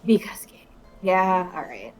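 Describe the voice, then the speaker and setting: A woman's voice: fairly low pitch, animated, measured pace, faint music behind. Woman bantering casually on a game stream. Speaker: streamer co-voicing game characters.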